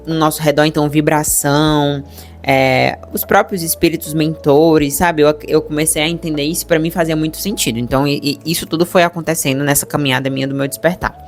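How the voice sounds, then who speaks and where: A young Brazilian vlogger with a Brazilian Portuguese accent tells her viewers her personal story in a chatty, animated way. Her voice is deep and brisk, with faint music playing behind her.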